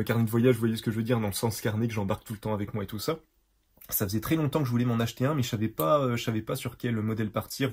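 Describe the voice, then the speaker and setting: A man's voice: lowish voice, a little mellow, slightly rough. A tired man chatting casually on his video channel, rambling with lots of fillers, restarts and little digressions. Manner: rambling, self-correcting, many fillers and digressions. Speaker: art supplies reviewer. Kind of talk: casual chat to camera.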